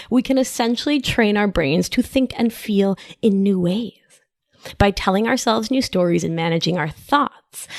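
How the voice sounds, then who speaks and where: Here a life coach from Argentina, now in New York, delivers scripted solo podcast talk in a mid-range voice. Her manner is playful, lively and warm with affection, drifting into little tangents, and the audio is clean studio sound without any room echo.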